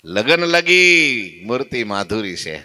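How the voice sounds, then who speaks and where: A man preaching a devotional story sermon at a temple, narrating animatedly and acting out the characters' dialogue with big rises and drops in pitch. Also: big pitch swings, slow pace, bright, forceful tone. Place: temple hall.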